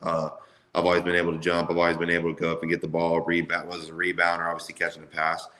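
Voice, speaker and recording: A man's voice: sits low, completely flat delivery, rapid-fire, pushed and bright. A man in his twenties chatting casually in an interview as a college football player, with a loose, slangy way of talking. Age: 20s. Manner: loose, slangy, repeats "like" often.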